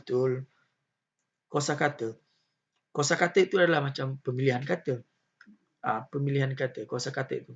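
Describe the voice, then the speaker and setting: A male teacher with a Malaysian Malay accent giving a poetry lesson, patient and questioning, with many filler sounds. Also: fairly high pitch. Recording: slightly dull lo-fi audio.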